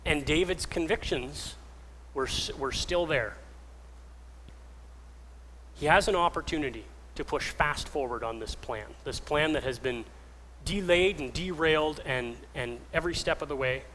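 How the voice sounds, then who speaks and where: A man's voice: fairly high pitch, a little slow, a bit bright. Man preaching in a reverberant hall. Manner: storytelling, acting out scenes in whispers and raised voice. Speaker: pastor. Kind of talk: sermon. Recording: reverberant hall with faint ambient noise.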